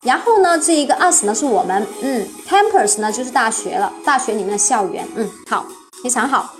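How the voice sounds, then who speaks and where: A woman with a high voice leads a live-streamed English vocabulary lesson. She spells each word letter by letter, quizzes her class and praises them often. Faint music plays quietly under her voice. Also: lively intonation, fairly quick. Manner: spells words letter by letter, asks the class questions.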